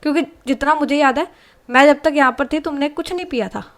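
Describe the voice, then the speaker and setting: A woman's voice: high-pitched, quick pace. A woman voicing a young woman who firmly scolds and questions her partner. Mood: scolding.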